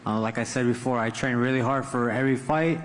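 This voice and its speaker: Mid-pitched male boxer at press event. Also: a little fast, a little hiss or hum. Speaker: professional boxer. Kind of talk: press conference prediction.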